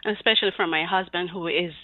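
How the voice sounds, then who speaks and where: Heard over a tinny, phone-like line with a dry recording, a woman from Iran, a native Persian speaker, talks as a guest illustrator in a casual interview. Her voice sits fairly low, and she comes across warm and giggly, stumbling along with plenty of fillers and small laughs.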